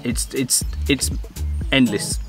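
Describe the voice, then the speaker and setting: A middle-aged man chats through a gadget review in an ordinary mid-range voice. He rambles a bit and restarts his sentences. Music plays clearly behind him. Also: mid-range voice, steady tone, takes it slowly. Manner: rambling, restarts often, plain and friendly. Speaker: vlogger reviewing a dash cam. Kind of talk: casual product review.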